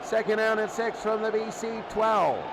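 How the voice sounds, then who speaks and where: Over heavy noise and a roaring crowd, a man calls an American football game live on radio as a play-by-play announcer. His voice sits high with fairly even intonation at a normal pace, and his excited commentary comes in clipped bursts, frequently repeating calls.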